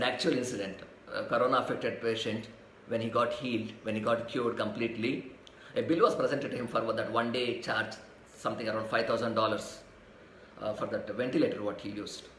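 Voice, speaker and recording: A man's voice: medium pitch, a little fast. A man preaching a devotional sermon, repeating phrases rhythmically and chanting verses. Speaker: spiritual teacher. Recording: echoey room, faint ambient noise.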